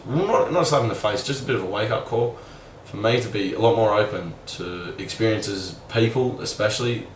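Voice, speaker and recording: A young man, musing casually and candidly in a rambling vlog monologue full of "like". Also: on the low side. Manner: rambling, candid, fillers like "like", mild swearing. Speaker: vlogger. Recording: roomy sound, a bit far from the mic, faint background hum.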